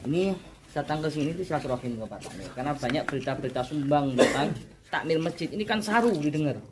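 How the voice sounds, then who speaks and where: A man's voice: a little high, lively intonation, fast talker, very noisy. A man from Malang, East Java, hosting a vlog and lecturing insistently as he leads a confrontation with the crowd. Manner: preachy, insistent, exhorting. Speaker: vlogger leading a confrontation.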